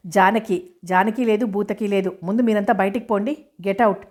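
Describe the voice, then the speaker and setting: A woman voicing an agitated, confused young man who shouts accusations at his family. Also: medium pitch, steady tone, normal speed, lightly acted. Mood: hostile, shouting. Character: agitated young man, hostile, confused after head injury.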